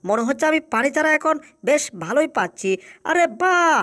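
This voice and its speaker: A woman's voice: sits high, animated, fairly quick, fairly bright tone. A woman voicing a fierce monster fish, scolding and loyal to friends, in a Bangla cartoon dub. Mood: amazed. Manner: scolding, taunting.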